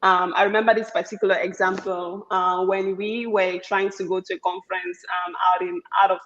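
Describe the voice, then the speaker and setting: A young woman from Cameroon, answering on a panel as a startup founder in a measured way with many pauses. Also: medium pitch, level tone, fairly bright tone. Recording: dull lo-fi audio.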